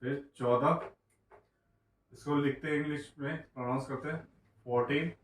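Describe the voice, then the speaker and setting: A man teaching a beginner maths lesson, counting numbers aloud slowly, one by one. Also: a little high, fairly even intonation, fairly bright tone, recorded from a distance. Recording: echoey room, away from the mic.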